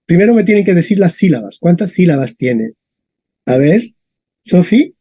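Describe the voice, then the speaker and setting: Lively man teaching a class. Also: sits high, moderate pace, husky, dry recording. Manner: lively, frequent tag questions. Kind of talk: classroom lesson on Latin stress. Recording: dull, dry lo-fi sound.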